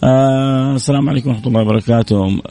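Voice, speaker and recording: Hoarse fast-talking radio host. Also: male voice, mid-range voice. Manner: reads listener messages aloud, warm religious phrasing. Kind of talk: call-in radio talk.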